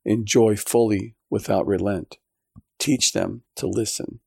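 A man reading an audiobook, voicing a solemn divine voice that issues commands in a measured, unhurried way. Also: on the low side, steady tone, gravelly, darkish tone, slightly rough, dry recording, studio quality, exaggerated voice. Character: solemn divine voice issuing commands, genderless spirit.

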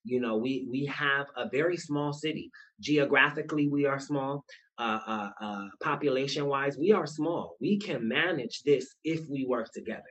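A man's voice: medium pitch, normal speed, fairly bright tone, muffled recording. A man who runs a nonprofit and is running for school board, speaking earnestly and building to emphatic points in a casual panel chat beside a fireplace. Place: indoor room beside a fireplace.

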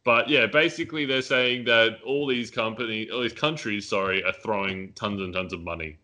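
Low-voiced male podcast host, bright and forceful, loose rambling delivery. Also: normal speed. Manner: rambling, many fillers, laughs at own jokes. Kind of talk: casual discussion. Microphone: headphones and mic.

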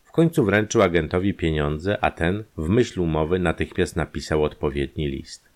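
A man in calm, measured scripted narration of a crime story. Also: deep voice.

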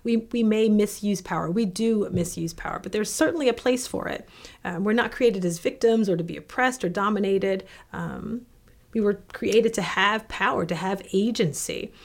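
Woman host, mid pitch, thinking out loud then asking the guest something. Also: normal speed. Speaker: podcast host. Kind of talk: casual interview.

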